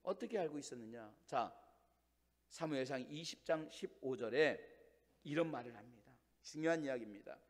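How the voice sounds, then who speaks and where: A man preaching a Sunday sermon as pastor. He asks the congregation rhetorical questions, booms on key phrases and then drops to a hush. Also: lively intonation, moderate pace. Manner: preaching with rhetorical questions, swings between loud emphasis and hushed lines. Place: church sanctuary. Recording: long church hall reverb.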